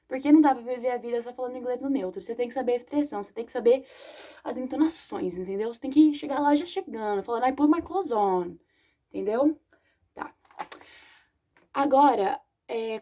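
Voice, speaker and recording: A woman's voice: fairly high pitch, dark tone. Chatty young woman teaching English. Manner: chatty, slangy, self-correcting, reads English examples slowly. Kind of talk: casual video lesson.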